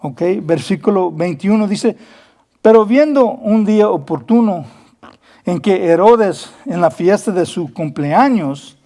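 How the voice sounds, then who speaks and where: Slow, earnest male pastor. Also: high voice, dark tone. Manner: switches between Spanish and English, acts out quoted dialogue; slow, earnest, repeats words. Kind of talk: Bible study sermon.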